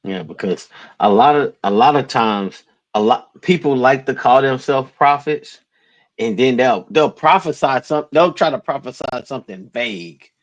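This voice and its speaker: A man co-hosting a podcast in casual chat, telling stories in an animated way and laughing often. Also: medium pitch, moderate pace, lo-fi sound. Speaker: podcast co-host.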